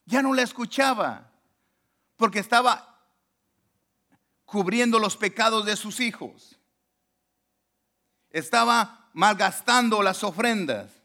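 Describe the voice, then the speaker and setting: A male pastor preaching a sermon, swinging between loud emphatic lines and low murmured asides, and acting out the voices in the story. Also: lively intonation, slow, pauses often. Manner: acts out quoted voices in the story.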